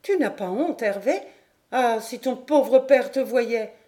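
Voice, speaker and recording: A woman's voice: fairly high pitch, expressive, slow pace, warm tone, pitched above the performer's own voice. A woman voicing a firm, motherly old innkeeper scolding a drunk, for an audiobook. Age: older.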